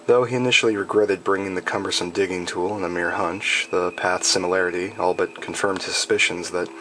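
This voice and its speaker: A man reading a scripted horror story in a measured, deliberate and ominous storytelling manner. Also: sits low, fairly even intonation, fairly bright tone, low-quality recording. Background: background music.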